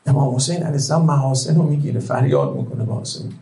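A man preaching a religious sermon, impassioned and rhetorical, swinging between hushed lines and loud outbursts. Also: medium pitch, roomy sound, low-quality recording.

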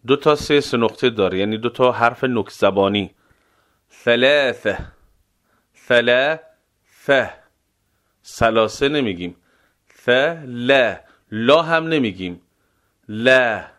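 Man slowly drilling pronunciation. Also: medium pitch, fairly bright tone. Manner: slow, deliberate repetition of single words, quicker explanations. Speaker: language teacher.

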